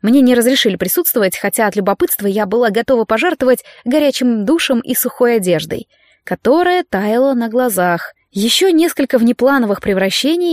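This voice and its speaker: Woman narrating a lively fantasy audiobook. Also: on the high side, no room sound, clean studio sound. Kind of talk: first-person audiobook narration.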